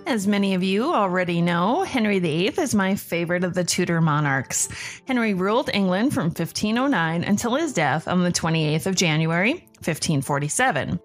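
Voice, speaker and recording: A woman's voice: on the low side, animated, normal speed, soft background music. A woman hosting a podcast, reading scripted narration. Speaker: podcast host.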